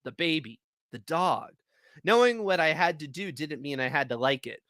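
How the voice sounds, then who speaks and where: A man hosting a live event, reading stories aloud in a lively, expressive way. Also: on the high side, normal speed, dry recording. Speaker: host.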